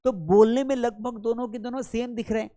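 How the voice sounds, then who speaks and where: A man teaching English vocabulary in a lesson, calling students beta and reading English example sentences slowly. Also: very high voice, fairly even intonation, warm tone, no echo, clean studio sound. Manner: calls listeners beta, slows right down for English example sentences. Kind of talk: classroom lesson explaining words.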